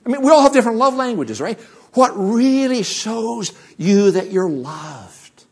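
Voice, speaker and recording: A man's voice: high-pitched, big pitch swings, a little slow, husky. A man preaching a sermon as pastor, asking the congregation rhetorical questions.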